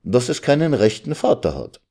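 A man's voice: mid-range voice, huge pitch swings, normal speed, warm tone, pitched above the performer's own voice. A man voicing a condescending village lawyer who lectures others on the law. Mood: lecturing. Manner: lecturing, know-it-all. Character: know-it-all old village lawyer, condescending.

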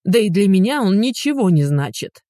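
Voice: mid-range voice, very animated, moderate pace, warm tone, dry recording, studio quality, voice pushed up, natural voice. A reader voicing a grown man, a whining, demanding, pompous ex-husband, in an audiobook. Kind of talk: audiobook dialogue.

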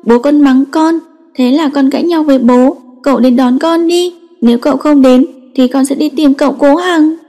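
A woman's voice: sits high, normal speed, dark tone, faint music behind, voice pushed up. A woman voicing a stubborn, sulky little boy who pleads in a raised voice. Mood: pleading.

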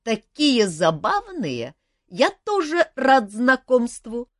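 A woman voicing a hoarse, cheerful male phantom who stumbles over broken words. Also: fairly high pitch, very animated, fairly bright tone, no room sound, studio quality, pitched above the performer's own voice, full character voice. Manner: halting, broken grammar.

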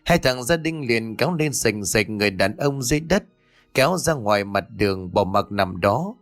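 A man's voice: fairly low pitch, lively intonation, moderate pace, fairly bright tone, no echo, faint music behind. Man narrating a ghost story.

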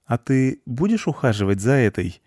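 A man's voice: mid-range voice, big pitch swings, moderate pace, a little mellow, no echo, clean studio sound, pitched above the performer's own voice. A man voicing a friendly, cheerful young blonde woman in an audiobook. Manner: light, friendly.

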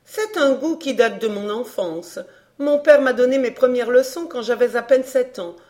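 Proud countess, sharp-tongued, teasing, high-ish voice, read by a woman. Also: normal speed, natural voice. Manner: cool and teasing. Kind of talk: audiobook dialogue.

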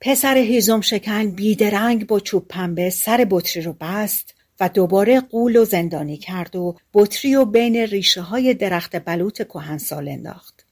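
A woman narrating a fairy-tale audiobook in a calm, colloquial storytelling manner. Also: mid-range voice.

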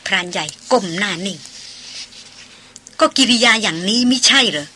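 A woman narrating a novel aloud with an expressive storytelling delivery. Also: medium pitch, normal speed, slight background noise. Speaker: audiobook narrator.

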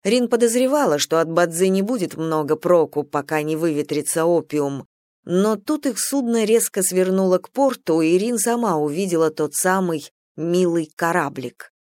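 An audiobook reader narrating a story in an even, measured way. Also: mid-range voice, no room sound, studio quality. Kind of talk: scripted narration.

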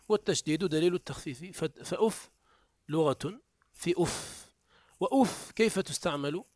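A man's voice: on the high side, no room sound, clean studio sound. A man teaching a lesson on a classical Arabic grammar text, reading a line and then explaining it, sometimes correcting himself mid-word.

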